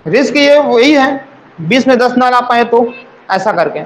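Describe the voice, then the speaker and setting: Man, coaching teacher, very high voice, repeats points, rhetorical questions. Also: expressive, unhurried, poor audio. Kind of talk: exam coaching class.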